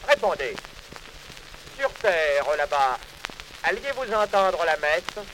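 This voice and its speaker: A man's voice: fairly high pitch, sing-song, slow pace, noisy background. A man voicing a stern, scolding old saint who guards the gate of heaven in a recited poem. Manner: gruff, scolding.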